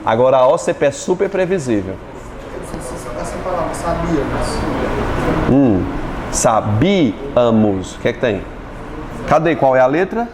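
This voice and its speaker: A man with a Brazilian Portuguese accent teaching an exam-prep lesson, chatty and joking, stretching words out slowly as he splits syllables. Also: mid-range voice, sing-song, background noise. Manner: chatty, jokes with students, spells words out slowly.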